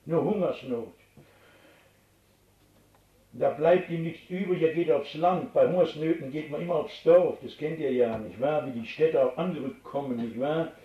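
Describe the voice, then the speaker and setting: A man preaching a sermon as pastor, telling stories and speaking straight to his congregation. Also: fairly high pitch. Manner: animated storytelling preacher, addressing the congregation directly. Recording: roomy, distant, dull old recording.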